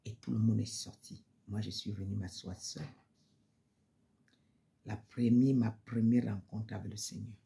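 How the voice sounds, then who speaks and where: A woman's voice: rumbling low, fairly even intonation, a little slow, vocal fry, pauses often, dark tone. Emotional woman giving church testimony. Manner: emotional, repeats phrases, drops to near-whispers. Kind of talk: spoken religious testimony.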